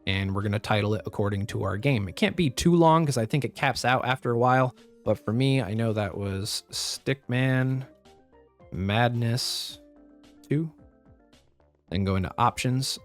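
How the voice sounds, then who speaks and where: A tutorial host with a lowish, slightly raspy voice, still a bit rough from a recent flu, walks through a screen-recorded software tutorial step by step in a plain, practical way. He talks at normal speed while faint music plays quietly beneath his voice-over.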